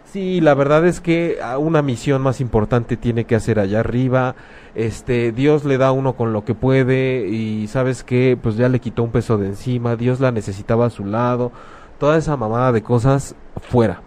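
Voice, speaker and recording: A man's voice: medium pitch, moderate pace, a little mellow, slight background noise. A man with a Mexican Spanish accent, talking casually and frankly as a host, using slang and acting out quoted remarks. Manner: frank, blunt, uses slang, acts out quoted speech. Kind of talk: casual conversational advice talk.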